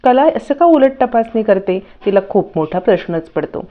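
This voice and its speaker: A woman narrating a recap of a TV serial episode in a steady storytelling read, quoting each character herself. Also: medium pitch, normal speed. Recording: dull lo-fi recording.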